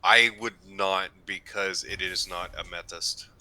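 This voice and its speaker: A man's voice: low-pitched, steady tone, normal speed, pushed and bright. A man from Arkansas with an Arkansas accent, bantering casually while playing a game with friends. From Arkansas, United States. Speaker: player in a group gaming session.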